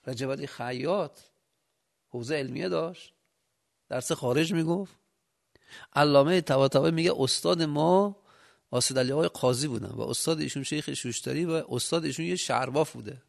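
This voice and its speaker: A man from Yazd with a Yazdi accent, giving a sermon with rhetorical questions and a loudness that rises and drops. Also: a little high, creaky. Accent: Yazdi Persian. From Yazd, Iran. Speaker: preacher.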